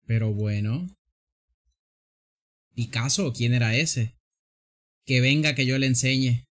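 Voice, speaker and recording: A man's voice: mid-range voice, slow pace, fairly bright tone. A man streaming a drawing game, joking, exclaiming and laughing often. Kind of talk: casual gameplay commentary.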